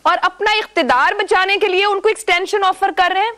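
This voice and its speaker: A woman's voice: very high-pitched, a little fast, pushed and bright. A woman hosting a political talk show, pressing guests with pointed questions.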